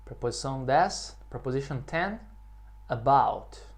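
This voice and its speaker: A man from Brazil teaching an English lesson in Portuguese, explaining patiently and saying the English examples slowly and clearly. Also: mid-range voice. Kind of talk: language lesson.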